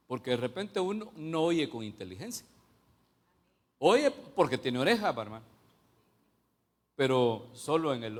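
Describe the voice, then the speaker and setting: A man preaching a sermon, stressing points by repeating them and putting questions to the congregation. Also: medium pitch. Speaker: pastor.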